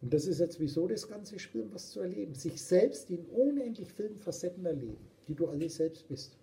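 German-accented male spiritual teacher, preachy and insistent, high pitch. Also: very animated, brisk, mellow, rough recording. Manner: emphatic, preachy, repetitive. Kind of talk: philosophical talk.

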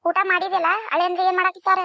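A woman's voice: very high voice, little pitch movement, very fast, vocal fry, pushed and bright, dry recording, exaggerated voice. A woman voicing a caring, worried older mother with a North Karnataka accent in a cartoon, chatty and fussing. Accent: North Karnataka Kannada. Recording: dry, dull lo-fi sound.

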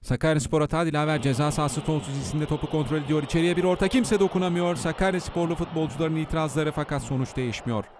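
Higher-pitched man commentating football highlights. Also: fairly even intonation, fast talker, few pauses, darkish tone, a little hiss or hum. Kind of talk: match highlights commentary, voice-over.

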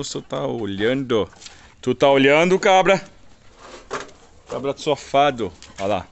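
A man with a Brazilian accent, filming his dogs outdoors on a phone and coaxing them playfully. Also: fairly bright tone. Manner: playful, coaxing, calls the dogs in high bursts. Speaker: dog owner and breeder. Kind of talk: casual vlog talking to his dogs.

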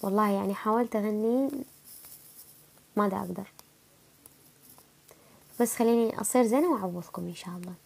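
On her livestream, a young woman with an Iraqi Arabic accent casually answers viewers' comments despite feeling sick. She talks fast, pausing often, in a creaky, medium-pitched voice with a darkish tone.

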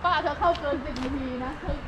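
A woman on a road trip, chatting casually with quick, teasing back-and-forth. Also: high-pitched, background noise. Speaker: travel companion. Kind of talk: casual chat. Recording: loud crowd and music behind.

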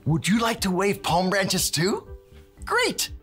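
A man's voice: high voice, a little slow, fairly bright tone, faint music behind. A man hosting a preschool Bible lesson as a cheerful handyman, playful and exclamatory, leading children in chants. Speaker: children's show host in character.

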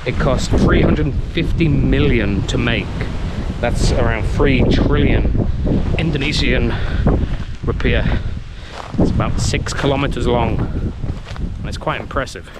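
A travel vlogger with a middling pitch slowly explores an abandoned coastal military base in the heat, giving a nervously excited walking commentary that is chatty and full of exclamations. His handheld camera mic picks up clear outdoor background noise and handling clicks.

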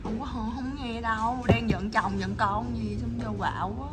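A woman's voice: a little high, fairly even intonation, normal speed, over loud music. A woman chatting with her pets in a teasing, coaxing way, laughing often. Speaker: pet channel host. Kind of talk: casual chat to her pets.

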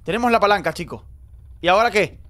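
A man commentating his live horror game stream, jumpy and excitable, talking to his chat. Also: high voice, fast talker, background noise.

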